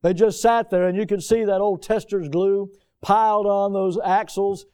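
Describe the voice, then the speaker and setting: A middle-aged male pastor preaching, reading scripture in a raised, measured voice, then telling folksy stories and asking the congregation questions. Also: sits high, steady tone, mellow, clean tone. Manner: folksy, storytelling asides.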